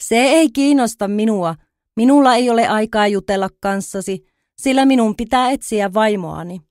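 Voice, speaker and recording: A brusque, hurried grasshopper with no patience for chatter, as a woman reading a storybook puts him on. The voice is raised and clipped. Close, dry recording. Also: a little high, steady tone, a little mellow, smooth, no room sound, voice pushed up, close to an everyday voice. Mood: curt. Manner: brusque, dismissive. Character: curt busy grasshopper.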